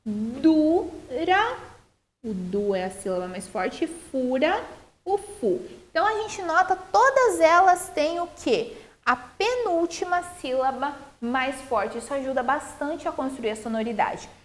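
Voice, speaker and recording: A Brazilian woman teaching a recorded primary school lesson, explaining in a lively, sing-song teacherly way to children. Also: high-pitched, normal speed. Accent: Brazilian Portuguese.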